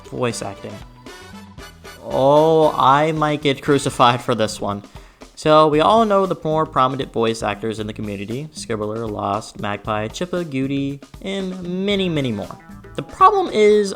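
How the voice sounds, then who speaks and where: Over background music, someone presents a scripted, opinionated video essay, speaking expressively and with emphasis while tossing in conversational asides. The voice sits at a medium pitch and moves at a normal speed.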